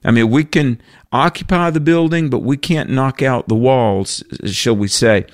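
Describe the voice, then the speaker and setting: A man speaks earnestly at a middle pitch and a measured pace in a conversational faith discussion on a radio show. He quotes scripture, uses lots of fillers, and often restarts his sentences. The recording is dry and close, with no room sound.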